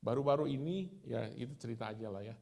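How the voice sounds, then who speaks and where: Middle-aged Indonesian man, chatty preacher, gravelly tone. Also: mid-range voice, quick pace, warm tone. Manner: storytelling, chatty, laughs at himself. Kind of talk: conversational sermon.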